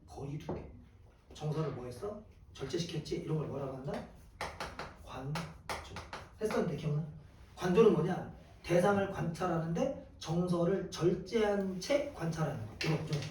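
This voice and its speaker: A male teacher giving a classroom lecture. He asks questions and answers them himself in a lively way. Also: high voice, slight background noise. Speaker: Korean exam prep teacher. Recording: echoey room from a distant mic.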